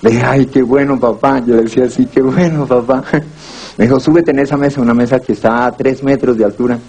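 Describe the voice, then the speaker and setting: A Colombian man doing stand-up, telling self-deprecating stories in a deadpan way and acting out the dialogue. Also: medium pitch, fast, slightly rough, low-quality recording. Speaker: stand-up comedian.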